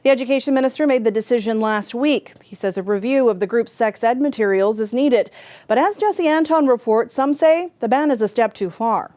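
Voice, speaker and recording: A woman's voice: a little high, fairly quick, darkish tone, dry recording. A woman reading scripted television news as an anchor.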